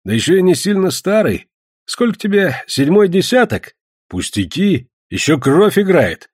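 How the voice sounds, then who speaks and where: A man voicing a sly, mocking trader who banters loudly and teases everyone. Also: high voice, sing-song, moderate pace, husky, no room sound, studio quality, voice pushed up, exaggerated voice. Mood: joking. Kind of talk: audiobook character voice.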